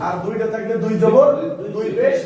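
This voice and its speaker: High-voiced Quran teacher in an echoey room. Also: male voice, brisk, distant mic, a loud crowd. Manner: explains step by step, asks the class questions. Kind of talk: classroom Quran lesson. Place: mosque-side classroom. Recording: echoey room recorded from afar.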